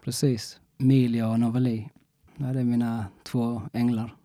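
A young man telling his own story in a casual interview, halting often and restarting with many fillers. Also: mid-range voice, level tone, mellow, no echo, clean studio sound.

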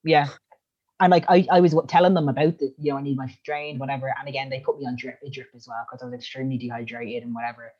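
A man's voice: medium pitch, steady tone, quick pace, darkish tone. A young man telling a personal story in casual chat, rambling with lots of fillers. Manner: rambling, filler-heavy, emotional retelling. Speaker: guest. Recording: dull lo-fi sound.

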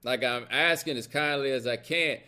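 On his casual, opinionated livestream, an American commentary host talks bluntly and colloquially, stressing his points and checking in with listeners. His medium-pitched voice is bright, forceful and clean, at a moderate pace.

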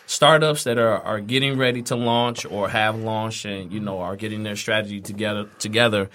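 A man's voice: fairly low pitch, normal speed, slight background noise. Man hosting a casual interview. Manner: storytelling, animated when telling anecdotes. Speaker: podcast host.

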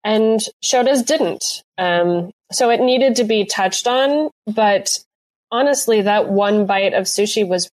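A woman chef recapping a cooking competition in casual chat, often pausing with ums and restarting her sentences. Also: medium pitch, darkish tone. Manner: hesitant, lots of ums and restarts.

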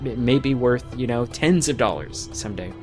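A man's voice: medium pitch, lively intonation, normal speed, soft background music. A North American man hosting a podcast, chatting casually in a jokey, rambling way with stammered restarts. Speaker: podcast host.

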